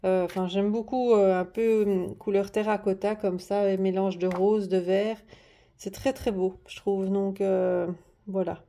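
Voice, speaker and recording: A woman chats through a craft haul at her desk, pausing often on fillers and restarting her sentences. Her voice is mellow and soft-edged, with a plain middle pitch. She addresses the camera in relaxed, easy talk. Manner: chatty, hesitant, many fillers and restarts. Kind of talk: casual show-and-tell vlog. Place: at home at a desk. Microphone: camera on the desk, moved closer and back.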